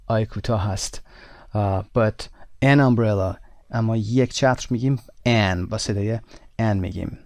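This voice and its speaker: A man with a Persian accent teaching an English textbook lesson, reading English examples slowly and clearly between explanations. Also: medium pitch, a little mellow, no room sound, studio quality.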